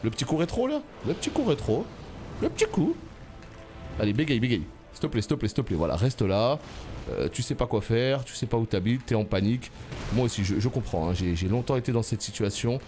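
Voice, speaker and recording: A man gives live gameplay commentary in a middle-pitched voice, teasing and scolding an enemy as he plays. His voice jumps into high yells when things go wrong. Soft music plays faintly behind him. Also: fast. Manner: excitable, yells and pleads at the boss; teasing, sarcastic banter. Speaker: gaming YouTuber.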